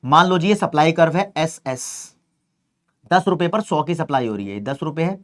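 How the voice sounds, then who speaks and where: A man's voice: fairly high pitch, animated, moderate pace. A male commerce teacher giving an online exam-revision lecture, explaining step by step, repeating key terms and often checking in with students.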